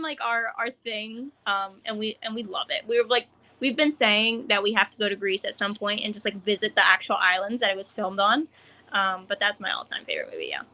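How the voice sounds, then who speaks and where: A woman's voice: on the high side, pushed and bright. A young woman being interviewed as a guest, giggly and rambling, with lots of fillers. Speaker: guest, racer. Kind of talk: casual interview.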